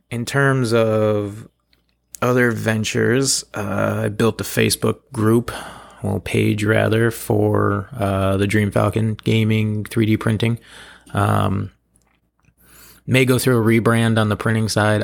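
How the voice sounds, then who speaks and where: Gravelly, hoarse man rambling on a podcast. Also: on the low side. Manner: self-deprecating, loose, digressive. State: hoarse from allergies. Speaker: podcast host. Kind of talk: rambling casual solo podcast talk. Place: at home, in a room below a bathroom.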